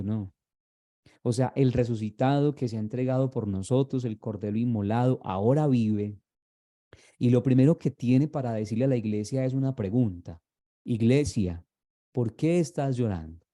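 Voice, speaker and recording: A man's voice: medium pitch, mellow. A man, preaching a sermon as a pastor, earnest and repeating his words as he fires rhetorical questions at the congregation.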